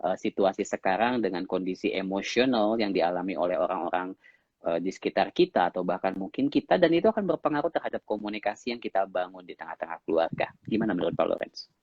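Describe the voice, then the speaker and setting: A man from Indonesia hosts a live-stream interview, summing up and asking long questions. His voice is lowish and slightly husky, heard through dull, lo-fi, dry audio. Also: expressive, fast talker, a little mellow, no echo. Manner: sums up and asks long questions. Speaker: host.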